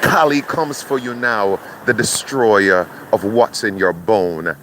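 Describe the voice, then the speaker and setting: A man speaks in a slow, deliberate, threatening way, pronouncing curses and slipping into chanted incantations. His voice sits a little low. A steady engine and water noise rumbles clearly underneath. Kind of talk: menacing spoken curse monologue.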